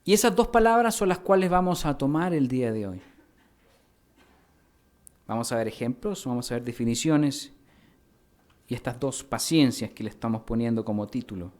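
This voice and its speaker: A man from Mexico, a pastor preaching a teaching sermon, spelling out words slowly and putting questions to his congregation. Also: mid-range voice, animated, a little mellow. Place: church hall.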